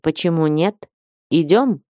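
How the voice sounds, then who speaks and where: Grimara, a woman doing a quiet creaky old witch. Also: low-pitched, animated, slow pace, no echo, studio quality. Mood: quiet, calm. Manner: speaks quietly. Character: old female witch herbalist, quiet and calm.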